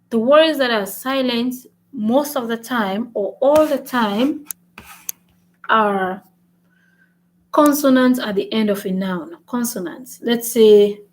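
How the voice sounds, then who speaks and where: A woman's voice: fairly high pitch, a little mellow, poor audio. A woman teaching French in a casual video lesson, chatty and repetitive, often checking in with "right?". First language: English. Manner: chatty, repeats "right?" often, writes on a board.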